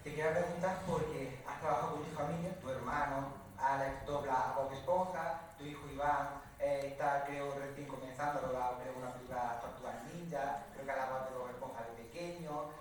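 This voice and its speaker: A man's voice: medium pitch, fairly even intonation, brisk, hardly any pauses. A man moderating a panel asks the guests questions hesitantly, hedging with fillers as he goes. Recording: echoey hall, distant mic, faint noise.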